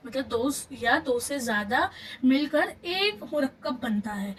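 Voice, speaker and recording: A woman teaching a Quran reading lesson step by step, patiently repeating terms and slowing down on key phrases. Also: sits high, fairly bright tone, distant mic, rough recording. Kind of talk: online lesson, explaining step by step.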